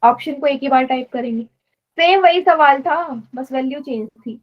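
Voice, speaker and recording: A woman's voice: high voice, moderate pace, highs cut off. A woman teaching math in a live online class, patiently explaining and quizzing students. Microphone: online class stream.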